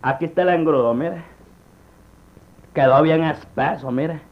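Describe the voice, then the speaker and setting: A man's voice: a little high, measured pace, dull audio. A man playing a folksy, touchy, wisecracking rustic sidekick in a slapstick comedy sketch, with a Central American accent. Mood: wry, fretting.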